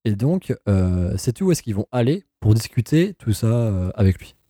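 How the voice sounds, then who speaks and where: A man with a low, very dark and mellow voice that has a husky edge co-hosts a relaxed conversation. He explains the story eagerly, with many hesitations, and adds his own comments along the way, recorded close and dry. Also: normal speed, no echo. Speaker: podcast co-host. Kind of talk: casual chat.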